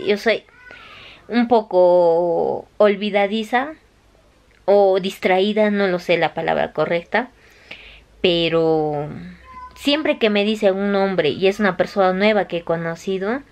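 Young woman, Peruvian Spanish accent, talkative vlogger telling a story, lively voicing of quoted speech. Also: mid-range voice. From Peru. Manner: chatty, animated, acts out quoted voices. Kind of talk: casual storytelling.

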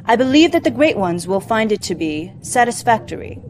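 The actress, a young adult, plays a stern, cool female military mentor in a sci-fi game who is dutiful and controlled, reading clipped, formal scripted mission briefings in cutscenes. Her voice is on the high side, with big pitch swings, fairly quick, over a noisy background. The recording has long hall reverb and music underneath.

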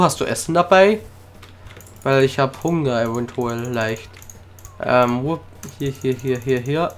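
A man giving casual let's-play commentary, chatting excitedly to viewers, making little mouth sound effects and switching between shouts and whispers. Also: mid-range voice, noisy background. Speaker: gaming video creator. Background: background music.

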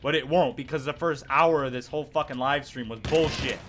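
A man's voice: medium pitch, steady tone, brisk, fairly bright tone, slight background noise. A young man commentating live on a video game in an exasperated, sarcastic, swearing tirade. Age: young adult. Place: indoor room, at a computer.

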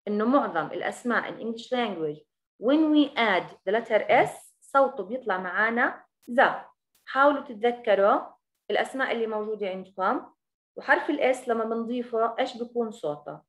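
A woman with a Levantine Arabic accent teaching an English grammar lesson. She explains in Arabic and slows down on the English example words. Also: on the high side, expressive.

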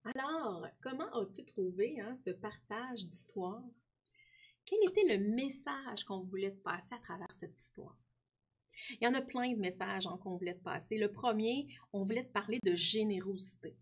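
A woman's voice: mid-range voice, moderate pace, slightly rough. A woman teacher, reading aloud and talking children through a story, full of tag questions.

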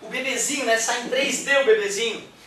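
A man from Brazil, giving a lively, joking physics lecture in a classroom and acting out examples. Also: extremely high pitch, brisk, a little hiss or hum. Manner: animated and joking, acts out examples. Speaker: physics teacher. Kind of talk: exam-prep physics lecture. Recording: echoey room, mic at a distance.

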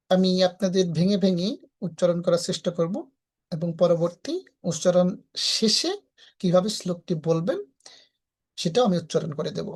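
A woman with a Bangladeshi Bengali accent teaches Sanskrit verse pronunciation in a live class, splitting each verse into syllables before chanting it whole. Her voice sits on the low side and is a little mellow.

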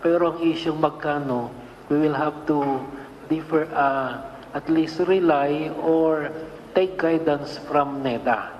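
A man's voice: fairly high pitch, fairly even intonation, takes it slowly. A middle-aged man, a transport board official, speaking formally and politely at a hearing, mixing English into his answers. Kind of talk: press hearing remarks. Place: hearing room, indoors. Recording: dull sound with reverb, faint noise.

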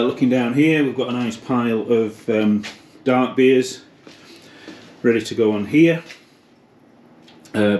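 The British landlord, medium-pitched, keeps up a casual, no-nonsense commentary as he moves through the pub and cellar for his behind-the-scenes vlog. A little hiss or hum sits under the recording.

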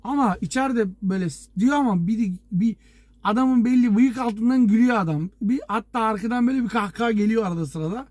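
A truck driver telling a story to his viewers in a casual, lively way, acting out the dialogue and chuckling as he goes. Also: high-pitched, fast talker, dry recording. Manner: lively anecdote teller, acts out dialogue.

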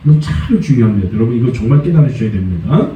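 A pastor preaching a Sunday sermon, lively, slipping into high acted voices for quoted complaints. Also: male voice, quick pace, a little hiss or hum. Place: church sanctuary. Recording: dull, echoey church sound from a distance.

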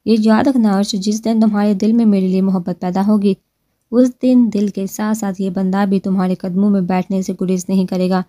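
Woman doing a stern young husband, serious, measured, mellow, dry, storybook. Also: mid-range voice, flat delivery, no echo, lightly acted.

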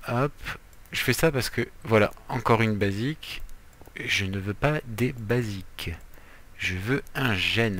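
A man's voice: on the low side, fairly bright tone. A man giving casual, playful gameplay commentary as a let's player, chatty, with jokey asides while he explains what he is doing.

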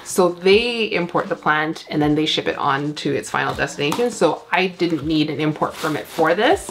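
Excitable Canadian woman unboxing plants. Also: deep voice, normal speed, slight background noise. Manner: chatty and excitable, gushing over plants. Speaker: plant channel host. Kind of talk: casual unboxing vlog.

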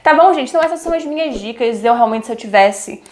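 A young Brazilian woman giving YouTube tips in a casual, chatty vlog, often tagging her sentences with quick checks, recorded on a lapel mic indoors at home. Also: fairly high pitch. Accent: Brazilian Portuguese. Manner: chatty, lively, many "tá?" and "né?" tags. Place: indoors at home, lit by a softbox. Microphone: lapel mic clipped to her blouse.

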